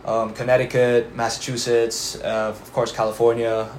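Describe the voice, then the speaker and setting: A young man from the Philippines, a college student, answering interview questions in a relaxed way with frequent um fillers. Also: medium pitch. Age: young adult. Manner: relaxed, many um fillers and slow pauses. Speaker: interview guest. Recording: roomy echo, faint background noise.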